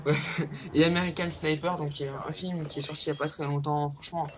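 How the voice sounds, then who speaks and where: A man's voice: on the high side, level tone, quick pace, noisy background. A young man hosting a casual countdown vlog, hesitant, with lots of fillers and rambling asides. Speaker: vlogger. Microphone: low-quality home recording.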